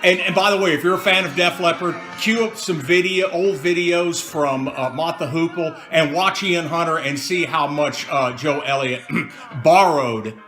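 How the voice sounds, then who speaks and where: A man's voice: a little high, normal speed, a bit bright. A man hosting a casual wine show, playful and theatrical in his announcing, prone to wandering off topic. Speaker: host. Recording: music behind the voice. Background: music.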